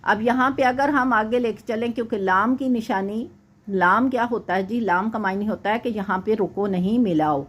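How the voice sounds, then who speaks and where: A woman teaching tajweed, correcting a student's recitation and explaining each rule step by step, often checking in with a quick "okay". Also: medium pitch, husky. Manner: recites verses slowly and drawn out.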